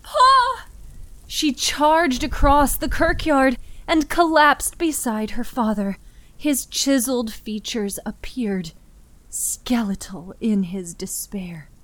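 In a grave, breathy voice of medium pitch, a woman performs a scripted horror narration with dramatic flair, frequently dropping to almost a whisper.

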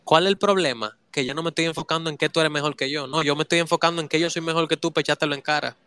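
A man's voice: fairly high pitch, steady tone, rapid-fire, sharp tone, clean tone, dry recording. A man giving a motivational talk, emphatic and asking his listeners rhetorical questions. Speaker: motivational speaker.

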